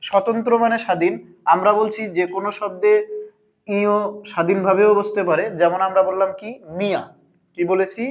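A man's voice: sits high, highs cut off. A man teaching a language lesson, asking his viewers questions and answering them himself. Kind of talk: explanatory grammar lesson.

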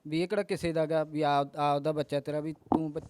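Halting, earnest man telling his story. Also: a little high, level tone, a little mellow, clean tone, dry recording. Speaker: interviewee. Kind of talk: news interview testimony.

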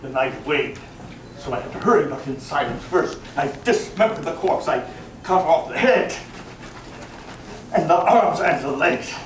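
An older male actor gives a theatrical live recitation of a gothic horror monologue as a gleeful mad murderer, boastful, cunning and nervy, his pitch swinging wildly. His delivery is animated, melodramatic and emphatic, deliberately phrased with sudden swells. A handheld audience camera a few metres away in a small brick-walled cafe room captures it echoey and noisy, his voice far from the mic.

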